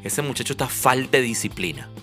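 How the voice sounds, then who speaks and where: Male vlogger, bright edgy voice, chatty comic delivery over soft music. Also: mid-range voice, animated, fast. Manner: joking, conversational, with frequent fillers and asides. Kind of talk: humorous casual monologue.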